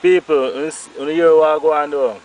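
A man's voice: fairly high pitch, fairly even intonation, moderate pace, a crowd in the background, poor audio. A Jamaican man asking questions casually in patois, as an interviewer filming outdoors. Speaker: interviewer filming a video, farmer. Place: outdoors on a village roadside. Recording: outdoor, faint background noise.

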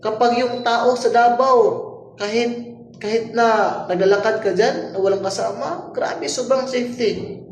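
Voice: mid-range voice, fairly even intonation, measured pace, slight background noise. A vlogger from the Philippines speaks casually but with insistent emphasis, throwing rhetorical questions at the viewers again and again. The voice sits in the middle range. The room has a noticeable echo. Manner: emphatic, rhetorical, keeps asking "di ba?". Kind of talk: casual opinion vlog.

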